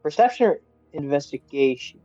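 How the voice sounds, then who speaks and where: A man's voice: a little high, lively intonation, moderate pace, dark tone, dull audio, soft background music. A man playing in a tabletop game, asking eager questions in casual chat. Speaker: player.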